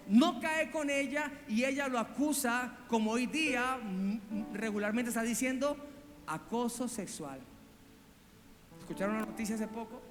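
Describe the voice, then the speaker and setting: Impassioned high-voiced pastor. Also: male voice. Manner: impassioned, acts out quotes, shifts between loud and hushed. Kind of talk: revival sermon. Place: church. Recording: church hall reverb with music.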